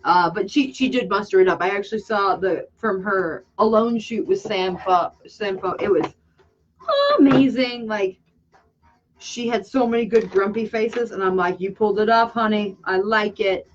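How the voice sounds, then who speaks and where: A woman hosting a casual livestream chat, rambling excitably and losing her train of thought. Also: mid-range voice, normal speed, a little hiss or hum. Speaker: channel host and makeup artist. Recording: dull lo-fi sound.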